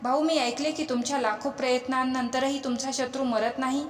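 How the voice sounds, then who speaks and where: A woman's voice: high-pitched, steady tone, brisk, close to an everyday voice. A woman voicing a proud, scheming demoness who boasts about her plan, in an echoey space with a long reverb.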